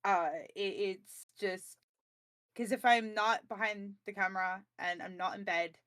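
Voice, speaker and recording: A woman's voice: mid-range voice, fairly even intonation, unhurried, fairly bright tone, no echo. A woman streamer in a casual podcast chat, blunt and self-mocking.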